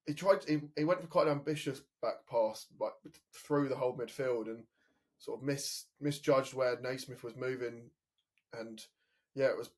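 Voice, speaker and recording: A man's voice: medium pitch, darkish tone. A man co-hosting a football podcast, chatting casually as he recounts match moments with frequent fillers. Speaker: podcast co-host.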